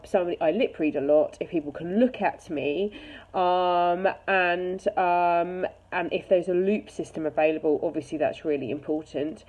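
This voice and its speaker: In this low-quality recording, a woman with a fairly low, slightly mellow voice speaks casually to camera. She's a charity chief executive sharing her personal opinion in a candid, conversational way.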